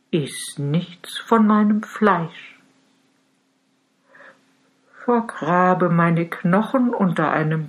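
A woman voicing a gentle, motherly enchanted cow in a fairy tale, speaking slowly and soothingly. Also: low voice, exaggerated voice, poor audio. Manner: slow, soothing.

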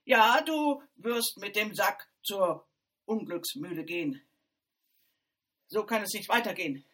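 A woman voicing a furious, bossy stepmother who shouts and scolds. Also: medium pitch, lively intonation, measured pace. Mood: angry, scolding.

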